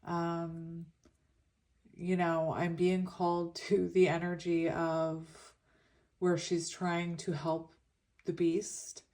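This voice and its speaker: A woman with a fairly low, soft-edged and mellow voice talks through a tarot reading. Her s sounds come out slushy, with a lisp from a retainer. She is informal and reflective, wandering from thought to thought. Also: monotone, takes it slowly. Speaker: tarot reader. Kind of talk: casual pick-a-card tarot reading.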